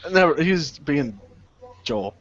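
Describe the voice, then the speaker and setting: A man's voice: on the high side, vocal fry. A man chatting casually on a podcast, swearing and laughing as he rambles. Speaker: podcast co-host. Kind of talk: casual chat. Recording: dull lo-fi sound.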